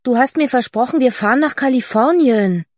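A woman's voice: medium pitch, fairly even intonation, normal speed, mellow, no echo, studio quality, natural voice. A woman voicing a disappointed young girl pleading with her mother in an audiobook reading.

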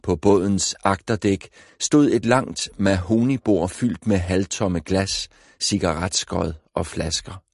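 A man narrating an audiobook in a measured, even storytelling manner on a close mic. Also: sits low, no room sound. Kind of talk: scripted narration.

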